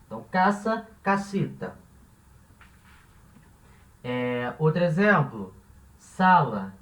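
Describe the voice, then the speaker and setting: A man's voice: fairly high pitch, very animated, slow pace. A man teaching a language lesson. He explains patiently, repeats each example and often checks that the listener is following. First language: Portuguese. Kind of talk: classroom-style lesson explanation. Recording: echoey room, voice from a distance.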